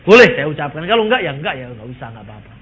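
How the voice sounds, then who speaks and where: High-voiced Indonesian man speaking, tinny. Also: racing, breathy edge. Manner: lively, quotes others in shifting voices, chuckles. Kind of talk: lecture-style talk to an audience. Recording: tinny phone-like sound.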